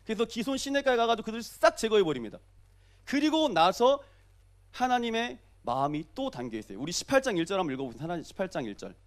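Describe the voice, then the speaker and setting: A man's voice: high voice, sing-song, quick pace. A young male pastor preaching an early-morning sermon, joking and asking the congregation questions as he goes.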